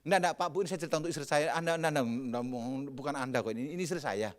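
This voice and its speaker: A middle-aged man with a Javanese accent preaching a lively, joking sermon, swinging from loud bursts to soft whispers. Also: a little high, racing. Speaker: pastor.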